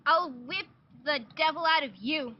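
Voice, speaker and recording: A woman's voice: sits high, a little slow. A woman playing an indignant, blustering farmer husband in an amateur sock puppet play. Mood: scornful. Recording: dull, noisy lo-fi home recording.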